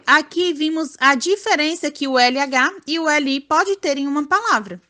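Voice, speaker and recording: A woman teacher with a Brazilian accent giving an online lesson to young children, stretching words out syllable by syllable in a slow, sing-song way. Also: high-pitched, bright, forceful tone. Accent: Brazilian Portuguese. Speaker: primary school teacher.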